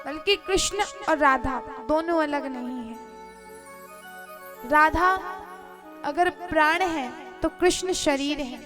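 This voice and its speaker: High-voiced woman telling a devotional story. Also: takes it slowly, pauses often, over music. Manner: emotive, dramatic storytelling.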